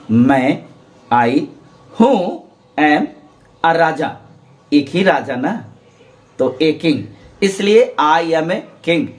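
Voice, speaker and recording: A man teaching English grammar in Hindi, explaining step by step and asking and answering his own questions. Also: sits high. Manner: drills learners to repeat aloud.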